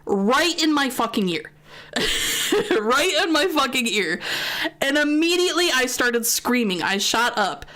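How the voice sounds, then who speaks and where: A woman's voice: high-pitched, big pitch swings, measured pace, bright, forceful tone. A young American woman streamer casually telling a long story, chatty, with lots of fillers and swearing. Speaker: gaming streamer.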